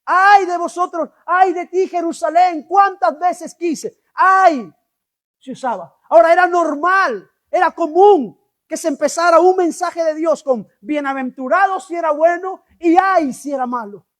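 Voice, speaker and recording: Male pastor, high voice, slow unhurried delivery, sermon to a congregation, questions to the listeners. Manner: animated preaching that asks the congregation questions.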